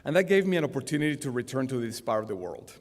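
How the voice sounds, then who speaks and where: Medium-pitched and very animated, a middle-aged man with a Venezuelan Spanish accent gives a deliberate, formal graduation address as a business executive. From the podium of a large auditorium stage, his voice goes through gooseneck mics and rings with the PA's long hall reverb.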